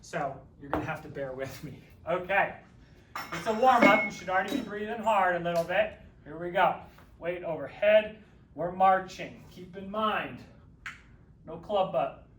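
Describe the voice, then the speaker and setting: High-voiced man coaching a workout. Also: normal speed, a bit bright, distant mic, slight background noise. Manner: upbeat, joking coach talk, counting reps. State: a little out of breath while exercising. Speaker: fitness instructor. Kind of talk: guided workout instruction. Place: empty room. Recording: echoey room, from away from mic.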